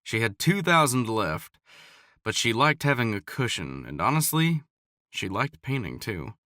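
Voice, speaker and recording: A man calmly narrating a romance audiobook in scripted narration. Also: medium pitch, a little slow, no echo, studio quality.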